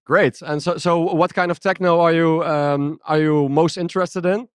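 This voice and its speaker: A man's voice: a little high, fairly even intonation, moderate pace, clear, resonant tone, dry recording. A man hosting a podcast, asking questions with short encouraging replies. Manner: brief encouraging replies, laughs often. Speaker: podcast host and interviewer. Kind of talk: casual interview.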